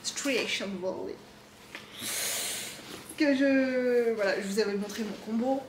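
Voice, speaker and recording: A woman's voice: on the high side, moderate pace, reverberant, background noise. A woman vlogging casually about her knitting projects, chatty and full of fillers and restarts. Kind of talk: casual chat to camera. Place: home craft workshop. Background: jackhammer from far off.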